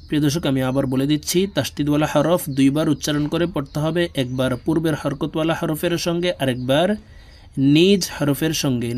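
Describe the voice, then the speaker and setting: A man teaching Quran letter reading in a recorded lesson, spelling syllables out slowly and repeating them for practice. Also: a little high. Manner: drawn-out slow spelling drills, louder on recited syllables.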